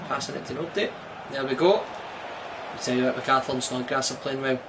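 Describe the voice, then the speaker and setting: A man's voice: medium pitch, a little fast. A man with a broad Scottish accent, chattily commentating on a football video game with exclamatory, partisan reactions. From Scotland. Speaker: gaming streamer. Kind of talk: live football game commentary, casual chat. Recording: noisy stream with game sound behind. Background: football video game crowd and commentary.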